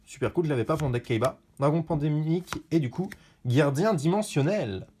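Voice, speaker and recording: A man chatting casually while opening trading card packs, excitedly reading out card names and their effects. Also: fairly high pitch, brisk, a little hiss or hum. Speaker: card pack opener. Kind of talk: casual pack-opening chat.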